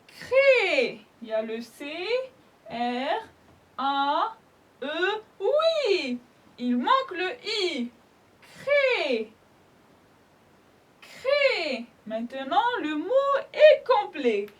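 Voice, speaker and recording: A woman's voice: very high-pitched, big pitch swings, extremely slow, pauses often. A woman teaching young children a French spelling lesson, speaking patiently, sounding out each letter and praising the class often. She speaks French with an Algerian accent. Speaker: primary school French teacher.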